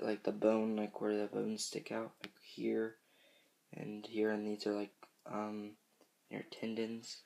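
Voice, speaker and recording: A man's voice: lowish voice, creaky. A fifteen-year-old boy giving a casual, unscripted review in a hesitant, rambling way, often correcting himself. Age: teenager, fifteen. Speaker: reviewer of horror movie masks.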